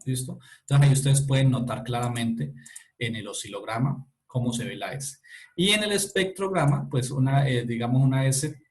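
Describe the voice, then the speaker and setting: A male university lecturer giving an online class, explaining step by step, often checking in with his students and pausing to correct himself. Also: mid-range voice, expressive. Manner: halting, with frequent self-corrections and fillers.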